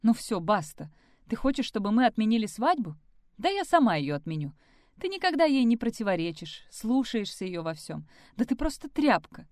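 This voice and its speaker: Вспыльчивая невеста в прочтении женщины. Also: female voice, fairly high pitch, sing-song, moderate pace, dry recording, studio quality. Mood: heated. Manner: heated, sharp. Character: sharp-tongued young woman, fiancée.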